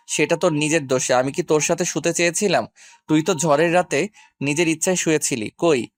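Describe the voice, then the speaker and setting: A man's voice: a little high, lightly acted. A man playing an arrogant, cruel young husband who speaks harshly and with contempt in a Bengali audio drama.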